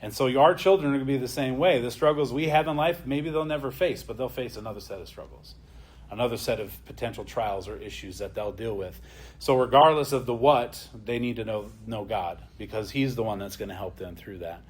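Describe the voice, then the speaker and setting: A man's voice: medium pitch, a little fast, breathy edge. A man teaching an adult church class in a plain, conversational way. He often adds a questioning "right?" as he talks.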